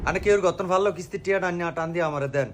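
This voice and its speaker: A man's voice: high voice, very fast. A man, playing a loan collector in a comic sketch and talking in a demanding, scolding way. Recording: noisy background.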